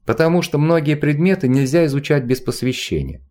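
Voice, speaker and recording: A man's voice: a little high, fairly quick, darkish tone, pitched above the performer's own voice, close to an everyday voice. A man voicing a haughty, lazy boy priest of about twelve who speaks in a curt, restrained way in a storybook reading. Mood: aloof.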